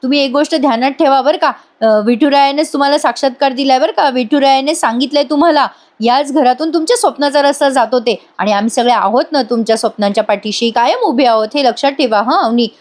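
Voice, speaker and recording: A woman's voice: high voice, fast, hardly any pauses, natural voice. A woman voicing an eager young husband. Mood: devoted. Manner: eager, insistent questions.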